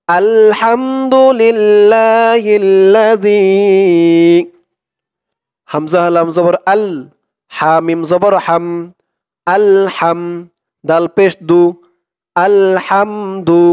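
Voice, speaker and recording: A man with a Bangladeshi accent teaches Arabic prayers. He spells out the syllables quickly, then chants the whole words slowly. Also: fairly high pitch, darkish tone, clean tone, no echo, studio quality. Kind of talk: spelled-out recitation lesson.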